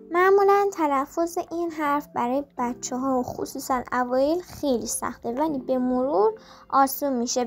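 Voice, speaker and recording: A woman teaching a language lesson in a playful, scripted way, slowly drilling sounds with repetitions. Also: high-pitched. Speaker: Japanese teacher.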